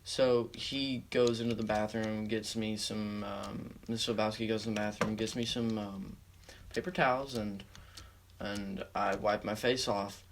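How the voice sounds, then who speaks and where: A man's voice: fairly low pitch, level tone, a little slow, a little hiss or hum. A teenage boy telling a story in a casual storytime narration, rambling with heavy swearing and many fillers. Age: teens.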